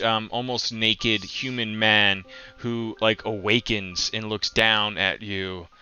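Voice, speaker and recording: A man's voice: fairly low pitch, bright, forceful tone, clear, resonant tone, dull audio. A man narrating a tabletop game as dungeon master, describing scenes with casual fillers.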